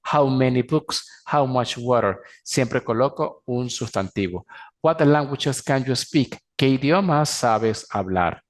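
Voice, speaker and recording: In a recorded class lecture, a man with a medium-pitched voice teaches English grammar in Spanish. He says the English example sentences slowly and clearly.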